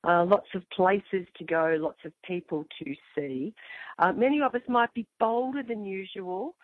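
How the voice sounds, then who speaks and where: A woman with a croaky voice, hoarse from a flu, hosting an astrology talk and chatting informally to her listeners. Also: mid-range voice, moderate pace, no room sound. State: getting over flu. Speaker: host and astrologer. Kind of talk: astrology show monologue, casual address to listeners. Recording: thin, phone-like line.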